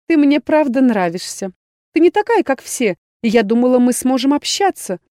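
A woman's voice: sits high, big pitch swings, normal speed, dark tone, no echo, clean studio sound. A woman voicing a young female necromancer student who complains dramatically and theatrically. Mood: plaintive. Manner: exasperated, theatrical lamenting. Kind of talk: audiobook character voice.

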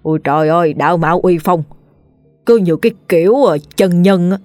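A woman's voice: lowish voice, a little fast, dry recording, soft background music, lightly acted. A woman doing a cheeky, joking young brother. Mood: teasing. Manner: teasing, loud on purpose.

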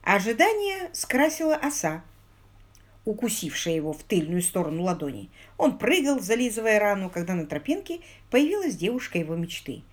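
A woman narrating an audiobook in an expressive, ironic storytelling manner. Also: mid-range voice, normal speed.

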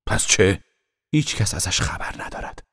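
A man's voice: a bit bright, dry recording, clean studio sound, natural voice. A man voicing a teenage boy who lives in the trees, answering in short, guarded replies. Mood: curt. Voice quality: curt, clipped replies.

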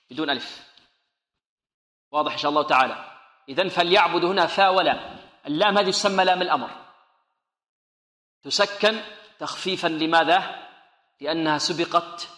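Male recitation teacher, bright and forceful, drills letters slowly, roomy reverb. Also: on the high side. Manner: drills pronunciation, asks and answers his own questions; stretches out recited words slowly. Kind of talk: tajweed lesson on radio. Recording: echoey reverberant room.

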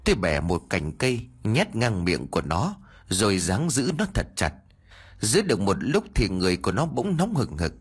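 Male audiobook narrator for a ghost story, low husky voice, lively expressive delivery. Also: normal speed.

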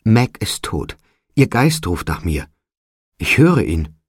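A grief-stricken old porter, as a man reads him aloud cries out in anguish in a storybook reading. His voice is low and husky, and the recording is dry and close. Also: big pitch swings, measured pace, a little mellow, no echo, heavily acted. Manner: anguished, crying out. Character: frightened grieving old man, poor porter. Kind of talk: audiobook character voice.

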